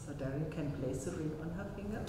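A woman with a low voice speaks fast and formally as she officiates a wedding in a small chapel, leading the vows line by line. The recording has echoey chapel reverb and faint noise.

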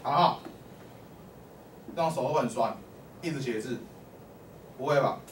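A man's voice: medium pitch, moderate pace. A man teaching a math class, quizzing his students and prompting them with short calls to answer. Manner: constantly quizzes the class, peppering speech with "lai" and "o" prompts. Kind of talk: classroom lecture. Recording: echoey classroom from far off with faint hum.

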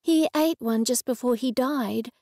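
An anxious middle-aged heroine in an audiobook, voiced by a woman narrator. She talks raised and urgent, a touch higher than the narration. The voice has a gravelly edge and a dry, close sound. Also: unhurried, mellow, dry recording. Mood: worried.

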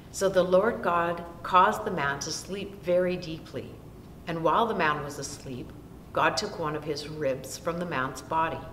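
An older woman slowly reads a Bible story aloud for children, seated in a small room and taking long lists word by word. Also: fairly bright tone. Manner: slow, deliberate reading of long lists. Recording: roomy echo with long reverb and faint rumble.

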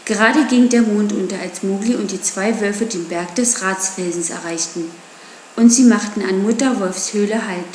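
A woman narrating an audiobook in a steady storytelling manner. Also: mid-range voice, normal speed, echoey room, a little hiss or hum. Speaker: audiobook reader.

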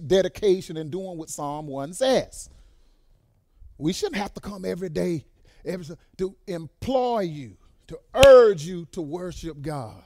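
Fervent preacher man, loud amen bursts. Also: sits high, no echo, studio quality. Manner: swells into loud exclamations, trails off quietly in stories; punctuates lines with "amen" and "bless God". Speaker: pastor. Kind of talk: sermon. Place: church service with a congregation.

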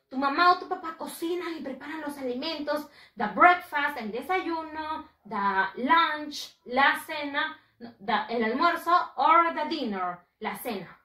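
A woman teaching English to young children, drilling words slowly in a sing-song way with lots of praise. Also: sits high, pushed and bright, roomy sound, recorded from a distance, low-quality recording. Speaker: primary school English teacher. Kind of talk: bilingual lesson for young children.

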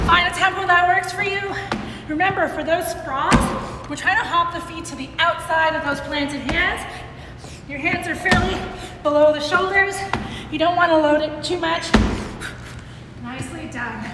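High-voiced woman coaching in an echoey hall. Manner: upbeat coaching, counting down and cheering. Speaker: fitness trainer. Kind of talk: leading a home workout. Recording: echoey room with long reverb and noise.

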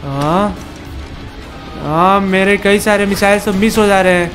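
A high-pitched man calls out a game as he plays. He taunts and repeats short words in excited bursts. Faint game music plays behind him. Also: measured pace. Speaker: gaming channel host. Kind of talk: excited gameplay commentary.

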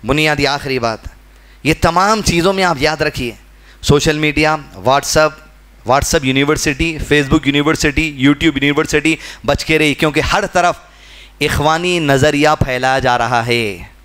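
A man from India giving a mosque sermon, swinging between loud exhortation and low, earnest asides. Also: unhurried, clear, resonant tone. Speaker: mosque speaker.

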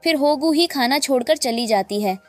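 A woman narrating a drama recap in a lively storytelling way, acting out the quoted lines. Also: high-pitched, normal speed, soft background music.

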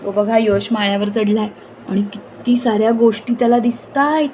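A woman reading a picture book aloud to children, lively and talking to them directly as she goes. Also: on the high side, normal speed, slight background noise. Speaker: children's storyteller.

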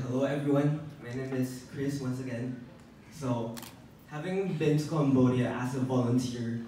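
A teenage boy from Taiwan, a native Mandarin speaker, presenting a student contest pitch in English. He talks haltingly, with many restarts. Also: dark tone, slight background noise. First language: Mandarin Chinese. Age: teens. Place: conference hall, indoors. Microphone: handheld mic, filmed by a far phone camera. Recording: echoey hall from far off.

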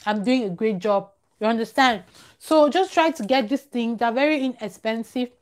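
A young live-stream host speaks at normal speed in a voice on the high side, chatting casually and repeating phrases emphatically as she advises viewers. The vlogger is in a small room at home close to a plain wall, using a clip-on lavalier at the collar.

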